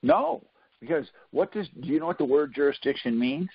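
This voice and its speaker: Over a phone conference line, a man leading a group call teaches in an informal, folksy, insistent way, often making sure everyone is keeping up. He talks fairly quickly in a husky voice on the high side, with big pitch swings and vocal fry. The call audio is dull, lo-fi, and dry.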